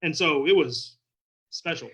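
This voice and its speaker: The man's voice is fairly high, unhurried and fairly bright, carrying a Southern accent from Texas and Oklahoma. A visiting king and interview guest, he jokes and exaggerates playfully in a casual video-call chat.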